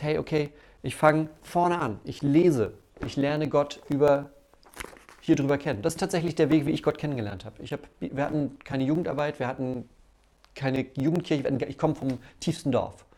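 A man's voice: mid-range voice, normal speed, a little mellow. A male pastor giving a conversational sermon, acting out everyday stories as he goes.

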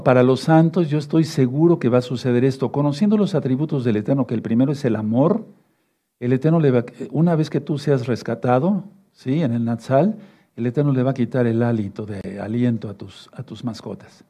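A male preacher giving a fatherly sermon, reading scripture verses slowly and often checking in with his listeners. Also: medium pitch, warm tone. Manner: fatherly, repeats "no, no, no" and asks "¿sí?"; reads verses slowly and rereads them.

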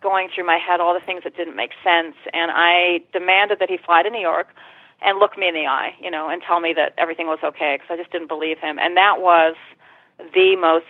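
A woman's voice: lowish voice, steady tone, a little fast, no room sound. A woman guest telling a personal story in conversation, retelling it vividly and swearing freely. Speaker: interview guest. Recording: tinny phone-line sound.

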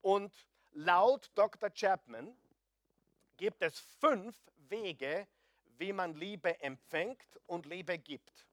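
A middle-aged man preaching a sermon, joking with the congregation and swinging between loud emphasis and hushed asides. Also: high voice, no room sound. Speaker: pastor.

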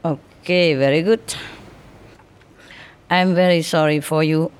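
Slow-talking, joking woman in her fifties. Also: deep voice, steady tone, clean tone. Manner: joking, chuckling, chatty. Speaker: spiritual teacher. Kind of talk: informal talk to an audience.

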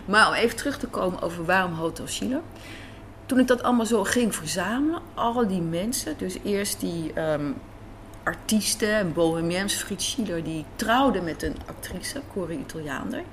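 A radio drama writer and director, appearing as an interview guest in a hotel café, tells stories casually. Her mid-range voice is expressive and a bit bright at a moderate pace, with slight background noise and faint café ambience.

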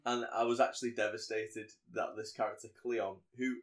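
A man chatting on a podcast, recapping a film scene by scene. He rambles and gets animated as he goes, with plenty of ums along the way. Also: on the low side, fairly quick. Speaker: podcast co-host. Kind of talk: casual film recap chat.

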